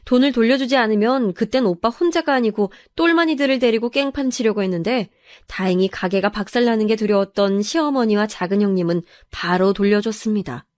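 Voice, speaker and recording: A woman's voice: mid-range voice, a little mellow, dry recording. A woman narrating a true first-person family story, in an aggrieved, confiding manner.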